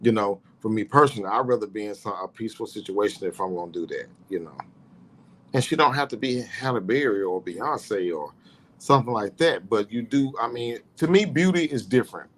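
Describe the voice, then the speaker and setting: A man's voice: on the low side, lively intonation, a little fast, a little hiss or hum. A man hosting a podcast in casual chat, rambling with lots of "you know" fillers. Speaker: podcast host.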